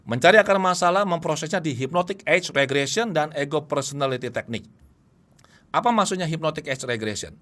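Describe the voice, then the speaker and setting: A middle-aged man giving a lecture on hypnotherapy, explaining cases and acting out what clients say. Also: a little fast. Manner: animated, acts out client voices with big pitch jumps. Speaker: hypnotherapy instructor. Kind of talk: lecture presentation.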